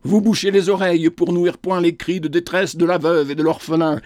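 Fiery old prophet read by a man, wrathful, impassioned tirades, slightly high voice, dry sound. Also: flat delivery, normal speed, darkish tone, dry recording, natural voice. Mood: accusing.

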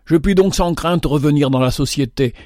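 A man's voice: fairly high pitch, normal speed, a little mellow, no room sound, clean studio sound, close to an everyday voice. A man voicing a self-assured male convict who boasts of his good family and virtue.

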